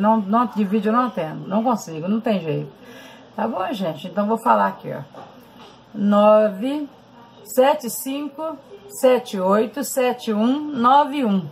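A woman's voice: medium pitch, vocal fry, poor audio. A Brazilian woman vlogger, chatting with her viewers as she tells a story and shares a hair-care tip. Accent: Brazilian Portuguese. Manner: chatty, constantly addresses viewers.

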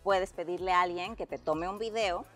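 A young adult woman, a personal trainer, explaining exercise tips in an upbeat, clear way outdoors in a park on a lapel mic. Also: lowish voice, normal speed, soft background music. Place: outdoor park workout area.

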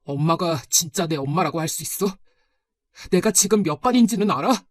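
A woman's voice: lowish voice, expressive, a little fast, no room sound, clean studio sound, pitched below the performer's own voice, lightly acted. A woman voicing a nineteen-year-old son in a told story, with a reproachful, pointed manner. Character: nineteen-year-old son, resentful but gentle with grandmother. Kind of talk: storybook narration.

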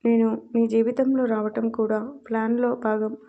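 A man's voice: extremely high pitch, flat delivery, normal speed, vocal fry, narrow, tinny audio. A woman reading as a serious young husband. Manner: serious, reassuring. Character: calm, protective young husband.

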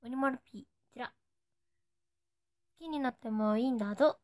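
With a slightly high, somewhat mellow voice at a moderate pace, a young woman speaking with a Nagoya accent chats playfully on a live stream. She says brief cute lines on her fans' request.

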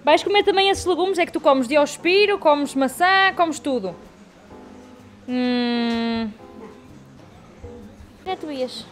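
A young woman with a European Portuguese accent chats in a lively, excitable way, her voice set a bit high. She vlogs on a handheld camera at home, with soft music under her. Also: slow, long pauses. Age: young adult. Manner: chatty, excitable, talks to her cat. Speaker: vlogger. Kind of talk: casual vlog chat. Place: home kitchen and garden.

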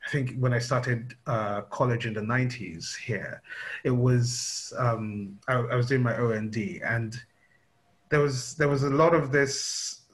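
Interviewing via webcam from an indoor room at home, this man in his fifties from the United Kingdom has a London accent. He talks unhurriedly in a mid-range voice, frequently using fillers and starting over.

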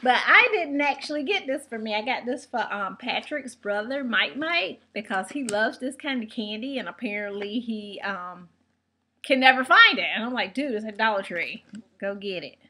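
A woman's voice: on the high side, lively intonation, normal speed, bright, forceful tone, husky. A woman chatting casually to the camera from home as a beauty and shopping vlogger, rambling into stories. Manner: chatty, rambling storyteller with laughs. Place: home room.

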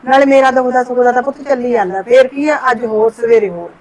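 A woman playing a kind, ailing older mother-in-law in a family short film, speaking softly and coaxingly. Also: fairly high pitch, fairly even intonation, fast talker, lightly acted, rough recording.

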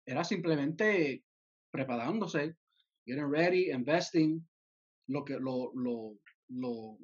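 Young male guest, slightly high and husky, dull lo-fi call audio, mixes in English phrases. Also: lively intonation, slow. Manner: mixes English phrases into Spanish, many restarts. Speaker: music producer guest. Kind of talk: casual interview over video call. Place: home room, indoors. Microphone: headset on a video call.

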